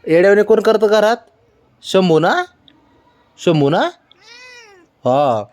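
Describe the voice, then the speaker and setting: Man coaxing his cat in lively singsong. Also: high voice, slow. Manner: coaxing, teasing questions in a fond singsong. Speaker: cat owner. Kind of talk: casual talk to his pet cat. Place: home, indoors.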